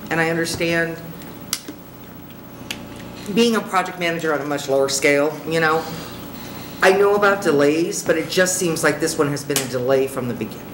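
A woman on a city council, blunt and frustrated, questioning a presenter. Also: sits low. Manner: blunt, frustrated, plain-spoken. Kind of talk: questioning at a public council meeting. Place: large council chamber, seated at the dais. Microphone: desk microphone. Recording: echoey noisy council chamber.

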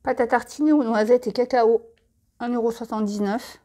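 A woman's voice: a little high, fairly even intonation, a little fast, dark tone. A French woman chatting through a supermarket catalogue, listing products and prices with friendly tips and asides. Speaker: catalogue presenter.

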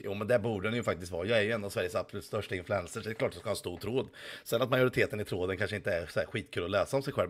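A hoarse man livestreaming, reading the chat and talking in a crude, boastful, swearing banter. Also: fairly low pitch.

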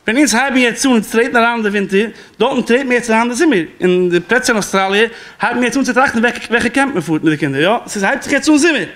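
Man with a very high voice, rabbi giving a halacha class, explaining and quoting sources. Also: fast talker, fairly bright tone. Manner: explanatory, quoting sources, chuckles now and then. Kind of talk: spoken Torah lecture.

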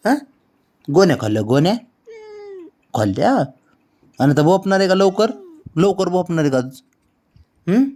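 A man's voice: sits high, lively intonation, normal speed, long pauses, mellow. A man coaxing his pet cat in doting baby talk at home late at night. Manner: coaxing, doting sing-song. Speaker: pet owner.

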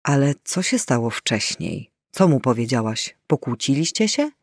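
A man's voice: medium pitch, very animated, no echo. Audiobook role: anxious adult son on the line, voiced by a man, pressing and alarmed, dry close recording. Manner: urgent, alarmed, rapid questions. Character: worried adult son on the phone.

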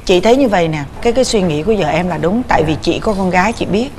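Animated Southern Vietnamese woman host. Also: on the low side, racing, a crowd in the background. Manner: animated, motherly, coaxing. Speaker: talk show host. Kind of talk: warm advice and coaxing talk.

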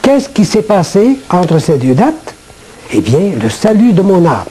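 An older man from Quebec with a Québécois French accent, a former priest giving a measured, earnest personal testimony to camera in a small studio. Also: sits high, very animated, mellow, a little hiss or hum, rough recording. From Quebec, Canada.

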